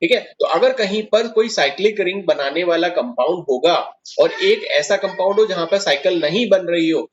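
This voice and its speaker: A male chemistry teacher with a fairly high voice lectures at the board, working through each step and asking his students questions as he goes. The recording is dull and lo-fi. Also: normal speed.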